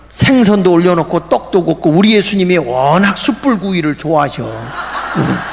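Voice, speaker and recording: Male pastor, fervent revival preacher with a raised, rough voice, recorded in a reverberant retreat hall. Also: high voice, a little hiss or hum. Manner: fervent, shouting at peaks, jokey asides. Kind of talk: revival sermon. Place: large prayer retreat hall. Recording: echoey hall with faint ambience.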